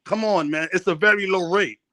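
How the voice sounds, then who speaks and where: A man's voice: high-pitched, a little fast, fairly bright tone, dry recording. A man in a heated debate, insistent and talking over the others.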